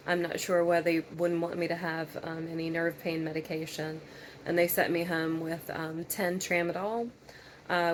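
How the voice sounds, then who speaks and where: A woman talking casually in a personal vlog, tired and low on energy as she recovers from surgery, with halting speech and long pauses. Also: a little hiss or hum. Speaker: patient vlogger.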